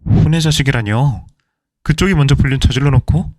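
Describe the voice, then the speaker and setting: A man's voice: medium pitch, a little fast, a little mellow, no echo, lightly acted. A man playing a cold insolent young groom. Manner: curt, coldly dismissive.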